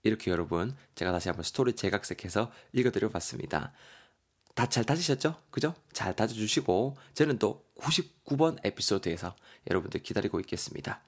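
A man's voice: on the low side, expressive, fairly quick, husky. A man teaching English vocabulary on a podcast, friendly, spelling words letter by letter.

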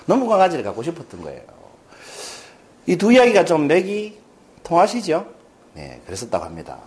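Animated middle-aged male lecturer. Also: fairly high pitch, a little fast. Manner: animated, addresses audience with questions. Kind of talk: storytelling lecture to a class.

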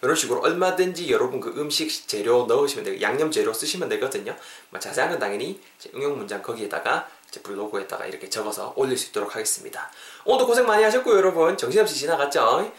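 Man, podcast English teacher, lively pitch, playful, echoey room. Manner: playful, slows to spell out English words.

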